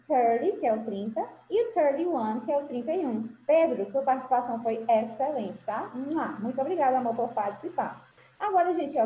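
A high-pitched woman leads an online English class for young children. Her tone is mellow and affectionate as she patiently checks that every pupil is following along. Her voice comes through a roomy, echoey video-call connection with a faint hum of background noise. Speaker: primary school English teacher.

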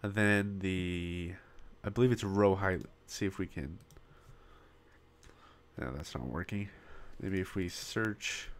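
Speaking in a deep voice that is fading, a web design tutorial host casually explains how to build a website step by step, stopping frequently as he goes. The screen-recorded walkthrough carries a little hiss or hum, along with occasional coughs and pops from his desktop mic.

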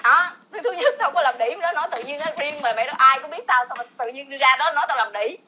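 This forties-aged vlogger, speaking with a Southern Vietnamese accent, rants casually and heatedly, circling back on herself and breaking into laughter. She talks fast in a high, pushed, bright voice with lively intonation, and there's a little hiss or hum.

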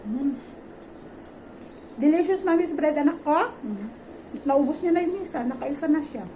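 Soft-spoken mother chatting at home. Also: high-pitched, expressive, unhurried, slight background noise, rough recording. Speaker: vlogger, mother. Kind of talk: casual home vlog chat.

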